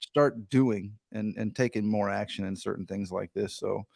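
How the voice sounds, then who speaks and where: A man in his fifties hosting a casual podcast interview, joking and asking quick questions. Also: fairly low pitch, vocal fry, a little mellow. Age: 50s. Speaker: podcast host.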